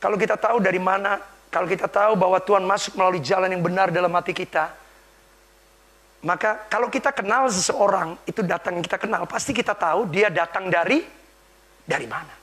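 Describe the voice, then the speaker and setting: A man preaching a dramatic sermon, retelling a story and acting out its voices, dropping to whispers and rising to shouts. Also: high voice, fairly quick. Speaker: pastor.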